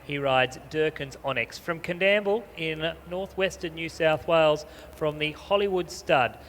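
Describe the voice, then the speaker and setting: A man gives informative live sport announcements over an arena PA. His voice is a touch high, with long reverb and some noise behind it. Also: unhurried, fairly bright tone. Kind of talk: informative live sport commentary, reading competitor profiles. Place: large show arena over loudspeakers. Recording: reverberant stadium PA with background noise.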